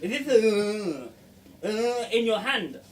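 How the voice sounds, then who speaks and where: A man's voice: sits high, lively intonation, takes it slowly. A man playing a bumbling, gullible brother with a laughing theatrical delivery, in a distant stage recording with background noise.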